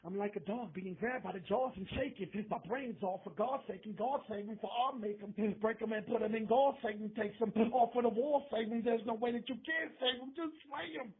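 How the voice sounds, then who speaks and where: A raspy, fairly high-voiced man heard over a prison phone line that makes him thin and tinny. He recites his own verse in a rhythmic, chanted way. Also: fairly quick, few pauses. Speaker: inmate calling in.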